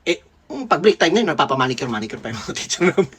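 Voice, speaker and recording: A man's voice: fairly high pitch, very animated, racing, background noise. A man in his thirties from the Philippines, a dentist telling a school memory in casual, playful, gossipy storytelling. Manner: gossipy, playful, laughs often. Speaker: dentist vlogger.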